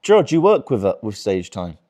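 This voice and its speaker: A man's voice: on the low side, very animated, normal speed, warm tone. A man in his twenties doing crude, teasing crowd work as a stand-up comedian in a virtual-reality show. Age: 20s. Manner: crude, teasing, laughs often.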